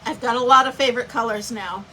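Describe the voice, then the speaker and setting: A woman's voice: on the high side, quick pace, bright, forceful tone, rough recording. A woman with a slightly raised voice talks viewers through a live crafting demo step by step. She is chatty and casual, stopping to greet people by name. A faint room noise sits under her voice. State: has the hiccups. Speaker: craft instructor.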